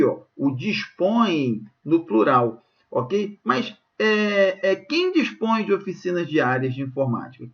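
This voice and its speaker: A man's voice: high-pitched, lo-fi sound. A man with a Brazilian Portuguese accent teaches an exam prep lesson, explaining grammar questions and checking in with his students often. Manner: didactic, checks in often with "ok?" and "gente".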